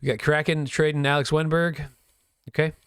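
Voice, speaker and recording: A man co-hosting a hockey podcast, rattling off trades in loose, joking banter. His voice has a gravelly texture, and the dry, close recording keeps it right up front. He laughs easily and swears now and then. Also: a little high, little pitch movement, normal speed, fairly bright tone, dry recording. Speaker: podcast co-host.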